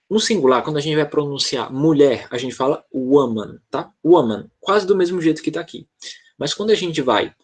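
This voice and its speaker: A Brazilian man teaching an online English class, explaining patiently and often checking in with the students. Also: a little high.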